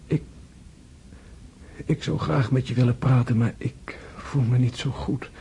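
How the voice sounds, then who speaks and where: An actor playing a gentle dying nobleman in a radio drama, weary and tender, with weak, halting delivery. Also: medium pitch, steady tone, gravelly, slight background noise. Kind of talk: literary radio drama acting.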